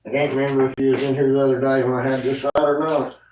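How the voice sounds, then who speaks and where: A man's voice: mid-range voice, little pitch movement, fast, darkish tone, slight background noise. A man from Northeast Tennessee with a thick Appalachian accent, chatting casually and folksily as he hosts a livestream. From Northeast Tennessee, USA. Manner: folksy, informal rural grammar. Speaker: livestream host and woodworking maker. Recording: roomy, echoey indoor sound.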